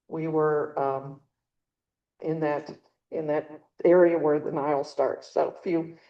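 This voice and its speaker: With a fairly low, warm voice, a middle-aged woman gives a relaxed slide talk at a birding club meeting, meandering through it with frequent ums and restarts. The small audience sits in a meeting room, and the dull-sounding audio comes through a handheld or clip mic with a dying battery.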